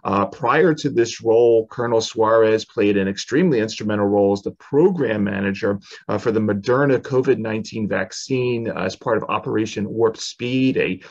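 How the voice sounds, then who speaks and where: A podcast host in his forties reads a long guest introduction over a video call from his home office, dropping frequent "uh" fillers. His voice is lowish and darkish at a moderate pace, and the headset audio has its highs cut off.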